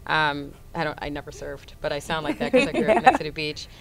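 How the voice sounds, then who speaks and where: Low-voiced woman from florida, stage actor, lots of ums, talks through her ideas slowly. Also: animated, creaky, a crowd in the background, rough recording. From Florida, Haitian family. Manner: hesitant, many ums, idealistic. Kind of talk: casual interview.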